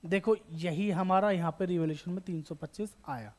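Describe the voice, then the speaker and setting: A man's voice: high voice, brisk, a little mellow. A man teaching an online accountancy lesson to school students, asking them questions and answering them himself, repeating key terms and addressing them as children. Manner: calls students beta, bachche, addresses viewers directly. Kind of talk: online exam-prep lesson.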